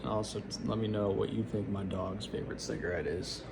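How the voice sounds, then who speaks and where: A man's voice: fairly low pitch, steady tone, a little fast, gravelly. A man talking casually to viewers in a rambling, laid-back, informal vlog style. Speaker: vlogger. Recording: some background noise.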